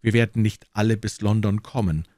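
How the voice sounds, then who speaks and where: A man's voice: on the low side, fairly even intonation, a little fast, darkish tone, no room sound, clean studio sound, close to an everyday voice. A man voicing an eager, determined young musketeer in an audiobook reading, speaking urgently and insistently. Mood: assured.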